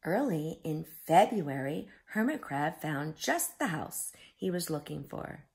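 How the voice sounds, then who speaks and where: A woman tells a children's story in an expressive read-aloud style. She takes her time, stretching words for emphasis, and her pitch moves widely. Her slightly low voice has a creaky edge. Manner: explains simply, with drawn-out emphasis. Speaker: children's story reader and teacher.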